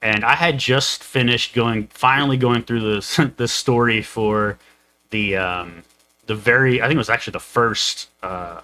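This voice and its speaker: A man's voice: mid-range voice, unhurried, sharp tone, rough recording. A young man co-hosting a casual podcast chat, rambling with lots of fillers and restarts. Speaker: co-host, game master.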